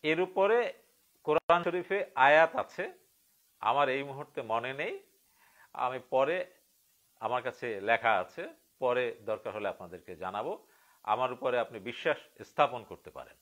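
A man from Bangladesh teaching meditation in a live-streamed spiritual lecture, speaking slowly and deliberately, drawing out key words and putting questions to his listeners. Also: mid-range voice, lively intonation, a bit bright.

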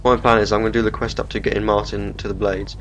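Bunged up from a cold, a young man gives quick, even-toned play-by-play of a game, occasionally cursing. His pitch is fairly low, and his desktop mic captures background noise along with the game music under his voice.

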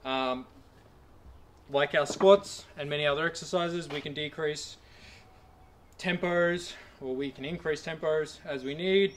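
A man's voice: fairly high pitch, a little slow, slight background noise. A young man, a personal trainer, demonstrating home exercises in a garden while talking to a far camera. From Australia. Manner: relaxed, coaching while doing reps.

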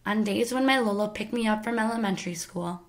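A woman in her twenties from the United States, reading her own scripted family story in a measured, careful way. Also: mid-range voice. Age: 20s. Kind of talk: scripted personal narration.

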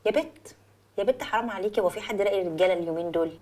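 In a film drama scene with faint music underneath, an actress plays a young woman's loyal, level-headed best friend, teasing, soothing and placating her with an Egyptian Arabic accent. Her medium-pitched voice is a little mellow and close to everyday speech, though she races through her lines.

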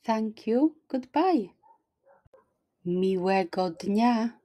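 A middle-aged woman teaching language, repeating each phrase slowly and clearly, at home on a webcam. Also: fairly high pitch, expressive, warm tone. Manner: slow, careful, clearly articulated repetition. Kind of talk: extra slow language lesson, repeating phrases.

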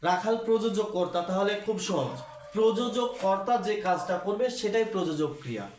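A man's voice: high-pitched, animated, brisk, darkish tone, faint music behind. A man teaching a grammar lesson to a class, asking questions and repeating the key terms. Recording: echoey room.

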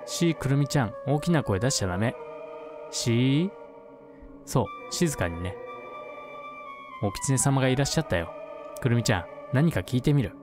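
Guy reading a gentle coaxing schoolgirl in a spooky game, lively pitch, game music under it. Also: fairly quick, lightly acted. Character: young schoolgirl leading a fox-spirit ritual, soft and insistent.

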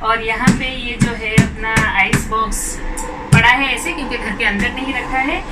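A woman's voice: on the high side, fairly even intonation, moderate pace, over music. A woman in her thirties giving a chatty, cheerful tour of her small apartment balcony garden, slipping English words into her speech. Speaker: home decor vlogger. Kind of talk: casual video tour narration. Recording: slightly distant camera mic, faint outdoor ambience.

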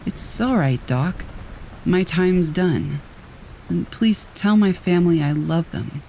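A man voicing a dying old man in his sixties, speaking in a weak, strained croak, slow and faint. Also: fairly high pitch, warm tone, slight background noise, pitched above the performer's own voice, low-quality recording. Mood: fading, peaceful.

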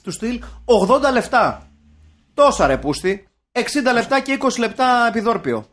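A young man from Greece trades casual banter on a podcast. His voice sits high and swings up and down as he launches into jokey, profane rants. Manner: animated, swearing, jokey rants. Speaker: podcast co-host. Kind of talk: casual chat.

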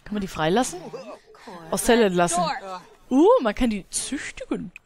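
A woman's voice: mid-range voice, sing-song, moderate pace, a little mellow. Chatty woman narrating her game. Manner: chatty, talks to her game characters, laughs often. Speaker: let's play gamer. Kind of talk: casual gameplay commentary.

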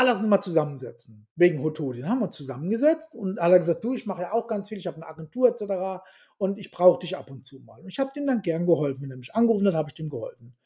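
A middle-aged man with a dark, mellow voice, speaking as a podcast guest. He tells his stories bluntly, swears offhandedly, and acts out the dialogue of the people he quotes. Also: high voice. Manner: animated storyteller who acts out quoted dialogue; blunt and salty, swears casually. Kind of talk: casual storytelling interview.

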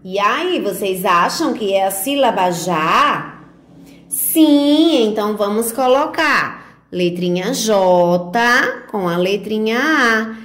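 A northeastern Brazilian woman teaching little ones, stretching each syllable in a gentle sing-song and asking them questions. She speaks very slowly. Her voice rings in an echoey room. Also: medium pitch, expressive. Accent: Brazilian Portuguese, northeastern. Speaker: preschool teacher. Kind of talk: slow, sounded-out remote lesson for small children. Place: home or classroom recording for remote teaching.

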